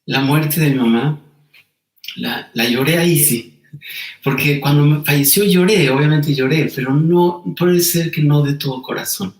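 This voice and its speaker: A man's voice: fairly high pitch, unhurried. A man, telling a personal story as an interview guest in an earnest, emotional manner with frequent repetitions. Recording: roomy echo.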